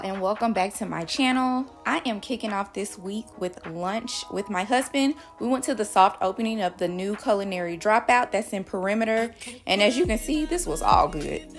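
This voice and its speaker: A young woman chatting to her phone camera in a parked car, casual and expressive with slangy asides. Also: mid-range voice. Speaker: lifestyle vlogger. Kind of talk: casual vlog narration. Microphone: phone camera at arm's length.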